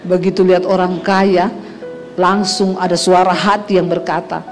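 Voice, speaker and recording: A woman's voice: fairly low pitch, moderate pace. Woman, middle-aged pastor, sermon storytelling, humorous, faint music behind. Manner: lively storytelling that acts out dialogue with humor.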